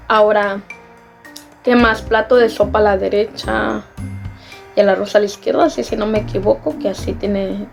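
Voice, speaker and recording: A young Mexican woman vlogs casually, explaining customs while sprinkling her speech with "este" and laughing at herself. Her mid-range voice is gravelly with a darkish tone.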